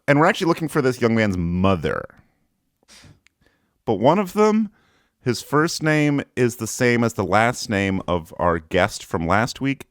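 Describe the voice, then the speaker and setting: A man's voice: fairly low pitch, dry recording, clean studio sound. A man hosting a podcast, joking around in casual chat and giving playful word clues. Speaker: podcast host.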